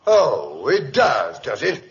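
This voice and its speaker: A man's voice: mid-range voice, huge pitch swings, takes it slowly, vocal fry, full character voice. A man with a British accent playing a grumbly, good-hearted doctor and detective's sidekick in an old radio drama, huffy and exclamatory. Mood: huffy, indignant. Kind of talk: 1940s radio acting. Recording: muffled old radio recording.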